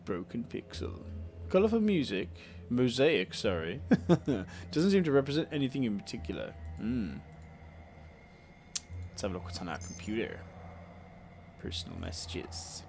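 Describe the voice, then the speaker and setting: A man's voice: medium pitch, huge pitch swings, measured pace, long pauses, a little mellow, soft background music. A British man hosting a let's play, casually explaining a game's menus and items with frequent ums and uhs. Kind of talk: casual game commentary.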